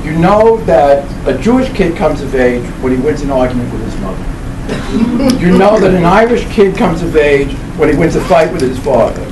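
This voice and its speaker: Presenting his book to a live crowd indoors at a library, this professor in his seventies talks on the high side with big pitch swings. His delivery is halting and rambling, looping back over phrases and fixing himself. Recorded by a camera mic a few meters away, it sounds roomy and noisy.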